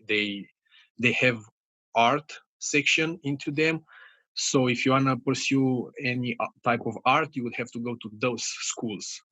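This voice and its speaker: A bright, forward-sounding man with a Romanian accent answers interview questions in a halting way, restarting his sentences often. He is in his thirties, and his voice is recorded close and dry. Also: medium pitch, no room sound, low-quality recording. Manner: halting, many fillers and restarts. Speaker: guest pianist.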